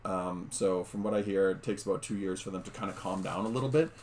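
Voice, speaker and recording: In a home room, a gaming YouTuber talks quickly in a low-pitched, darkish voice over slight background noise. His gameplay commentary is casual and chatty, aimed straight at viewers he calls "guys," with many fillers.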